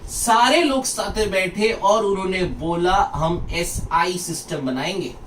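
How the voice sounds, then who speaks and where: A man with a high voice teaches physics at an unhurried pace. He tells the lesson like a story, teasing and firing rhetorical questions at the class. He sounds distant from the mic, in a reverberant room. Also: a bit bright, slight background noise. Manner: colloquial, dramatic teasing asides. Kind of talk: lively classroom lecture. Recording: echoey room, voice far from mic.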